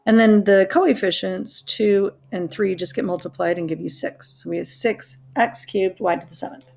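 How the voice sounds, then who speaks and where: A woman walks through a math worksheet in a relaxed teaching voice with a creaky, gravelly edge. She is chatty and self-deprecating, joking about her own mistakes as she explains each step. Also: mid-range voice, normal speed. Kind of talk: recorded worksheet walkthrough lesson.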